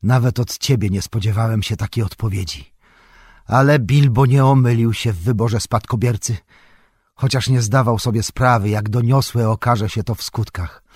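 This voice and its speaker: A man voicing a stern old male wizard, speaking gravely and measured. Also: mid-range voice, darkish tone, no room sound, studio quality, voice pushed up, natural voice.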